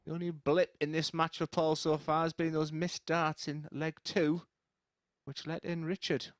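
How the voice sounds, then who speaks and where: A man's voice: on the high side, little pitch movement, moderate pace. A man giving casual live darts commentary, bantering in a jokey, self-deprecating way.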